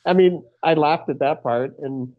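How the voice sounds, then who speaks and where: Middle-aged guy chatting movies, says yeah a lot, kinda high, muffled audio. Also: measured pace. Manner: agreeable, hesitant, many yeahs. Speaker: podcast co-host. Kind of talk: casual movie review chat. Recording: dull lo-fi sound.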